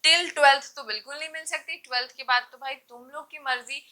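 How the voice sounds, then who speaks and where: A woman's voice: high-pitched, fairly even intonation, a little fast, bright, forceful tone, rough recording. A woman teaching chemistry in a classroom-style lecture, asking rhetorical questions and answering them herself, with light teasing of her students.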